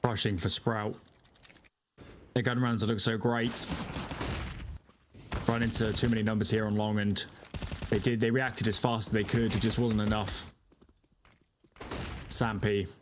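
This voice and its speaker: Lowish-voiced male esports caster, analytical. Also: level tone, a little slow, pauses often. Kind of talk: live esports commentary with tactical analysis. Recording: noisy, game gunfire behind the voice.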